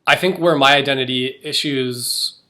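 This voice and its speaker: Bright and forceful, his mid-range voice comes at normal speed as this young American co-hosts a podcast. He keeps it chatty, starting over often and packing in fillers.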